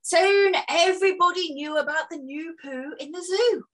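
A woman's voice: very high-pitched, normal speed. A woman reading a picture book aloud to children, playful and full of exclamations. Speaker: children's storyteller. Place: indoors, on a video session.

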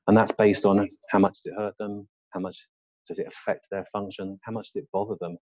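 A man's voice: lowish voice, little pitch movement, a little fast, darkish tone, no echo, highs cut off. A middle-aged man, an orthopaedic surgeon, giving a live webinar lecture in a hospital lecture room. He is emphatic and opinionated, with rhetorical questions and blunt humour.

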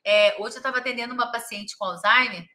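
Brief: female physiotherapist, casual instructional chat, crisp bright tone. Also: a little high, quick pace. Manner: chatty, tags phrases with "né?" and "tá?". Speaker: physiotherapist and caregiver educator.

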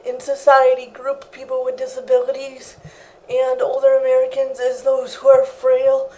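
A young woman with a high, mellow voice and a flat, even delivery, speaking earnestly as an interview guest. She is recorded indoors on a lapel mic. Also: moderate pace, rough recording. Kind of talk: interview answers. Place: living room set indoors.

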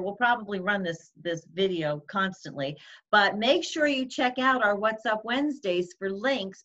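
A woman's voice: mid-range voice, fairly bright tone. A woman co-hosting a casual online show, effusive and bubbly, laughing often. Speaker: co-host. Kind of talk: casual chat. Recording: slightly dull lo-fi sound.

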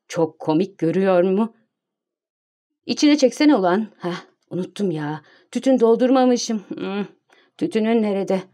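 Lady reading as a smug showy gentleman thief, teasing, mellow low tone, audiobook. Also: close to an everyday voice. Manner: teasing, theatrical showman. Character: mocking, cocksure male gentleman thief.

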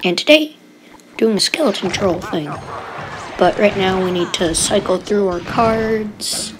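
A woman's voice: mid-range voice, unhurried, noisy background. A woman giving chatty, giggly commentary over her gameplay, recorded afterwards.

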